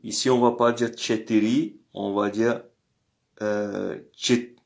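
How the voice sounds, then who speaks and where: A man giving a casual online language lesson, patiently repeating each word and pausing often with hesitant fillers. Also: fairly low pitch, flat delivery, creaky. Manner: hesitant, with frequent filler pauses. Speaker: language teacher.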